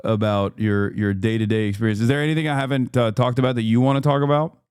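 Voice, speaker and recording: A man's voice: mid-range voice, fairly even intonation, fast, a little mellow, clear, resonant tone, dry recording, clean studio sound. A man hosting a casual stream interview, talking in a hesitant way with many restarts.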